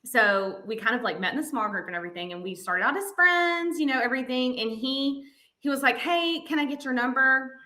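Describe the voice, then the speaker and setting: A woman in her thirties from Alabama with a Southern accent, telling stories as a podcast guest in an animated way, laughing often. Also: a little high, a little fast, echoey room, rough recording. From Montgomery, Alabama. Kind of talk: casual interview chat.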